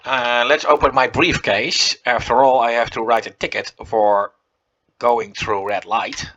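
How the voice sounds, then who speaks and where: A man's voice: mid-range voice, fairly even intonation, a little slow, pushed and bright, dull audio. A man giving casual let's-play commentary on an old adventure game, reading its text aloud between chatty asides full of fillers. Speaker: gameplay commentator.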